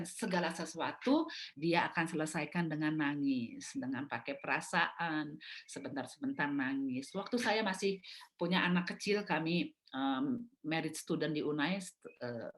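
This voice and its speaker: Middle-aged woman telling lively stories. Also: sits low. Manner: lively, acts out family quarrels. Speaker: speaker at a mothers' prayer meeting. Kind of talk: storytelling talk. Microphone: video call.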